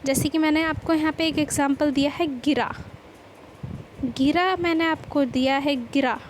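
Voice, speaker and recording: High-voiced woman teaching a grammar lesson. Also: fairly even intonation, fairly quick, slight background noise, low-quality recording. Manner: explanatory, repeats questions to students.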